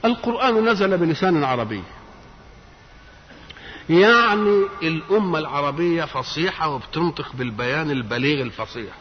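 A man's voice: fairly high pitch, animated, moderate pace. A man with an Egyptian accent explaining Quran verses in a religious lecture, moving between everyday Egyptian speech and classical recitation, his voice rising sharply on points of emphasis. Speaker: Quran commentator. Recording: dull lo-fi archive tape with faint hiss.

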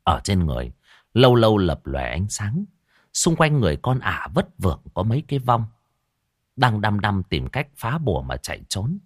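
Lively low male storyteller. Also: normal speed, no room sound, clean studio sound. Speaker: narrator. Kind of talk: audiobook narration.

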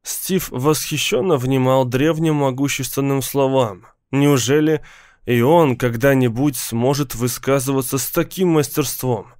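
A man's voice: mid-range voice, measured pace, darkish tone, no echo, clean studio sound. Man narrating an audiobook.

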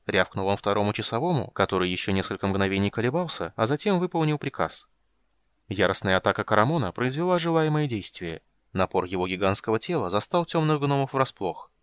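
Fast-reading male audiobook narrator. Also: lowish voice, smooth, no room sound. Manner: brisk, dramatic reading. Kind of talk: scripted fantasy narration.

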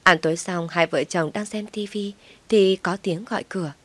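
A woman reading a scripted audio story in a steady, gentle storytelling manner. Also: fairly low pitch, normal speed, no room sound.

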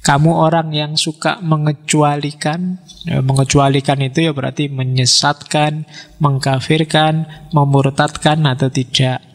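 A man with a lilt lectures on philosophy in an easy, talky way, often turning questions back on his audience. His voice sits a little high for a man. A long hall reverb trails behind each phrase. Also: a little slow. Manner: relaxed, conversational, poses questions to listeners.

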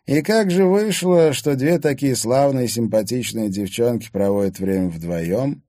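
A man's voice: mid-range voice, a little slow, mellow, dry recording, clean studio sound, pitched above the performer's own voice, lightly acted. Man doing a cocky, smug young heartbreaker. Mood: smug, teasing. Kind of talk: audiobook character voice.

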